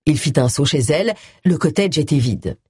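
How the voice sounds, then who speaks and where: An audiobook reader doing scripted narration with an expressive, lively delivery. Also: mid-range voice, moderate pace, breathy edge, no echo, clean studio sound.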